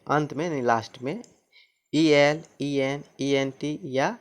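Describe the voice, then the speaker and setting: धीमे बोलने वाले हिंदी लहजे के शिक्षक. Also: male voice, medium pitch. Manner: repeats each point, asks and answers his own questions. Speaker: teacher. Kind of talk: classroom-style explanation.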